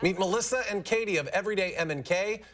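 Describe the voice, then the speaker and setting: A man's voice: high-pitched, fast, fairly bright tone. A man with an American accent reading scripted news as an anchor.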